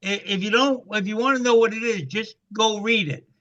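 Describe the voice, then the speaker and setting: Speaking fairly quickly in a high-pitched voice, a man in his seventies shares a business testimony on a group call and performs the quoted dialogue with lively storytelling. The recording sounds muffled.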